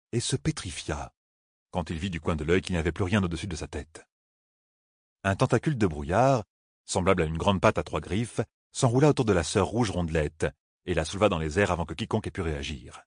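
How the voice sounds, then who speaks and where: Low husky guy reading a fantasy audiobook, lively, dry sound. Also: brisk, no echo. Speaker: audiobook narrator. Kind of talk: scripted fantasy narration.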